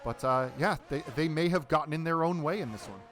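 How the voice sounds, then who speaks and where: A man offering colour commentary on a sim race, breaking down tyres and pace in a loose, easygoing way. His voice sits a touch high, and he pads his thoughts with plenty of casual fillers. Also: brisk, fairly bright tone, faint music behind. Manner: analytical, loose, with frequent fillers.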